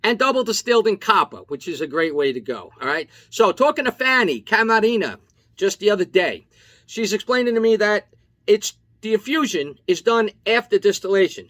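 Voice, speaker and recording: A man from Long Island with a fairly high voice, walking viewers through a casual tasting review. He sounds enthusiastic, lists tasting notes one after another and keeps checking in with "okay?" as he goes. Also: lively intonation, moderate pace, a bit bright. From Long Island, New York. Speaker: tequila reviewer.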